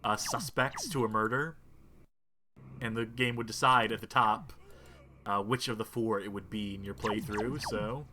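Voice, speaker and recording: A man's voice: on the low side, normal speed, background noise. A man doing casual gameplay commentary with wry, folksy asides. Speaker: video game streamer. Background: game music and sound.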